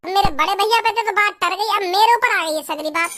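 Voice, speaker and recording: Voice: very high voice, a little fast, sharp tone. A performer voicing a blunt, swearing cartoon young man who rants. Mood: ranting. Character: hot-headed young man Bhajji, foul-mouthed.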